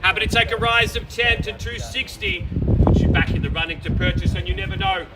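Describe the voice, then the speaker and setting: High-pitched male auctioneer calling bids outdoors. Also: a little fast. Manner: projected, emphatic, repetitive bid calling. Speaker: property auctioneer. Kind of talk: live auction calling to a crowd. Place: outdoors in a residential street. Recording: distant mic, noisy street with vehicles.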